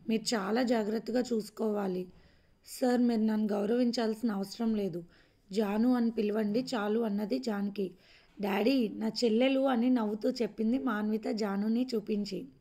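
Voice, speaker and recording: A woman reading a family drama story aloud in a gentle, emotive storytelling manner. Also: fairly high pitch, creaky. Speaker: story reader. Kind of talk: read-aloud story narration.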